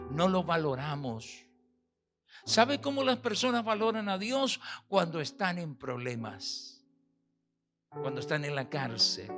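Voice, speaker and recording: A male pastor delivering a sermon, preaching emphatically with rhetorical questions and pauses. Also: on the high side. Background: piano and keyboard music.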